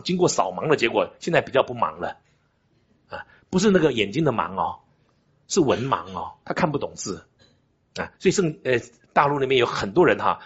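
Very husky older male preacher. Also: mid-range voice. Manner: emphatic preaching with rhetorical questions to the congregation. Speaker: pastor. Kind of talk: sermon. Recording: dull lo-fi recording.

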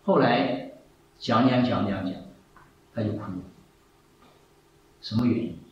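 A man in his seventies preaching a sermon, telling stories with lively, repeated phrases. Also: fairly low pitch, a little slow, dull audio, slight background noise. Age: 70s. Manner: animated storytelling, repeats phrases. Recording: echoey hall, mic far off, faint ambience.

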